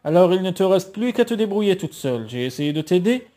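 Un homme qui lit un roman à voix haute et prête sa voix à une mère autoritaire et méprisante. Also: male voice, high voice, very animated, brisk, dark tone.

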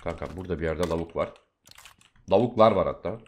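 A man's voice: sits low, fast, slight background noise. A young man hosting a gaming video, bantering with a friend and talking to his viewers as they play. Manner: joking banter, addressing viewers. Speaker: gaming channel host. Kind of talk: casual gameplay chat with a friend.

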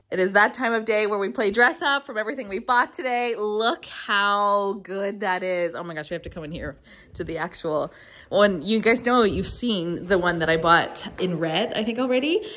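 Holding the camera herself, a young woman who makes travel vlogs talks in a chatty, bubbly way, full of "like." She has a mid-range, slightly bright voice and a moderate pace.

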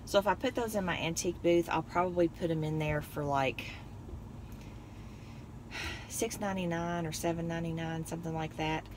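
Recorded on a phone on the dashboard, this vlogger's haul chat comes from a noisy car interior that's parked, then driving. Her voice is fairly low and steady, at a normal speed with frequent pauses. She's chatty and rambling, laughing often as she talks about her finds.

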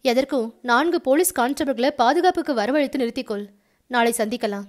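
A sharp, commanding male politician scolds and hands out orders, as a woman reads him in her own high voice. He talks loudly and leaves no room for argument. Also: a little fast. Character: angry middle-aged male politician barking orders.

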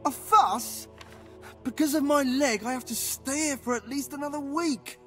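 A man's voice: very high voice, normal speed, soft background music. A male actor voicing an irritable, injured, sleepless man in a video game, moaning and complaining in pain.

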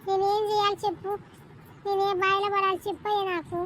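A woman's voice: extremely high pitch, little pitch movement, fairly quick, fairly bright tone, a little hiss or hum. A woman voicing a fed-up, self-pitying old landlady in a cartoon, groaning and complaining. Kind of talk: cartoon voice acting.

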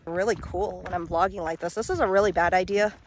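On a mountain ridge, a tired young woman records a casual travel vlog into a phone held at arm's length, chatting and rambling with plenty of "likes" and "ums." Her voice is lowish and steady, she talks fast, and there's a little background noise.

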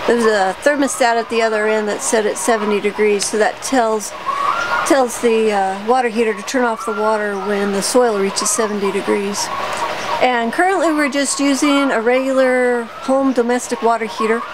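A woman's voice: on the high side, moderate pace. A middle-aged woman farmer explaining things plainly as she leads a tour through her greenhouses. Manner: plain, practical explaining with fillers. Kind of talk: casual guided tour. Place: inside greenhouses on a farm. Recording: noisy outdoor-style background.

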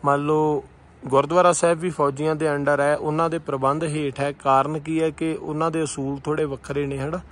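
A man's voice: a little high, flat delivery, moderate pace, a bit bright, a little hiss or hum. A man from Punjab narrating a travel vlog outdoors in the mountains, telling a temple story reverently and praising the scenery with enthusiasm. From Punjab, India. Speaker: travel vlogger.

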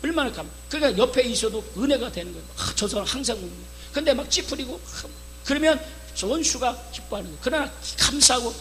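A middle-aged male pastor preaching a revival sermon, fervent, calling out for amens and shouting his key lines. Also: very high-pitched, expressive, fast. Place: church hall. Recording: reverberant church hall with faint hum.

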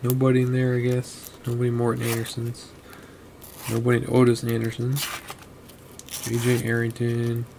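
A man sitting at a home desk, chatting to himself and his viewers as he flips through a box of cards. His voice stays flat and level, and noise hums clearly underneath the recording. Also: mid-range voice, normal speed, pauses often. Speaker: card collector vlogger. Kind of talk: casual narration while sorting cards.

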